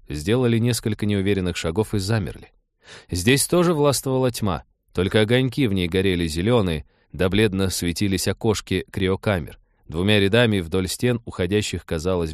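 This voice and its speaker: A man narrating an audiobook in a steady, even storytelling manner. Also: low voice, a little fast, dry recording. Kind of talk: scripted narration. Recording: dry close mic.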